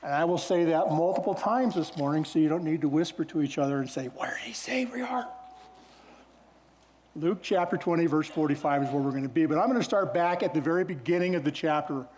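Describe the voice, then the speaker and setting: Guy pastor preaching, folksy and easygoing, voice a bit high, long church reverb. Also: quick pace, few pauses, a little mellow, slight background noise. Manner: conversational, folksy storytelling. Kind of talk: sermon. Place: church sanctuary.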